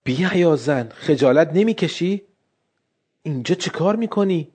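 Sharp-tongued old village woman, voiced by a man reading, curt and scolding. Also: a little high, lively intonation, slightly rough. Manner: scolding, brusque questions.

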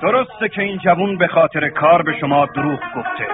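A man's voice: on the high side, natural voice. A man playing a stern town police chief judging a case in a radio drama, commanding silence. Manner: commanding, repeating calls for silence. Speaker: judge. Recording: tinny lo-fi radio recording with music.

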